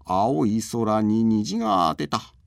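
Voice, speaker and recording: A man voicing a frail, bedridden old man in a folk tale, speaking slowly in a high, quavering voice. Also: sing-song, vocal fry, no room sound, clean studio sound, exaggerated voice. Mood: delighted. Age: older.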